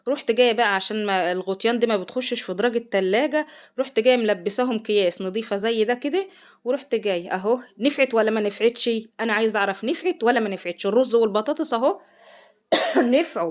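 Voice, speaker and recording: Fast-talking Egyptian woman vlogger. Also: mid-range voice. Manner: chatty, rapid, exclaiming over food. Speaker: vlogger, mother. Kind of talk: casual cooking vlog chat. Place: home kitchen.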